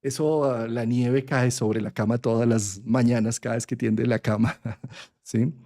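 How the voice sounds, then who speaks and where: A middle-aged man teaching a master class, telling a fairy tale in an animated way and checking in with listeners. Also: mid-range voice, a little slow. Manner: animated storyteller with tag questions. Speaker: astrology and psychology teacher. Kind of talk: master class storytelling lecture.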